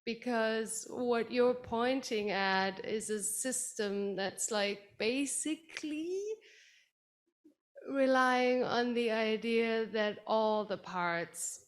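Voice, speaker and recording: A woman's voice: on the high side, slow pace. A woman in the audience asking a question, polite and thoughtful in her wording.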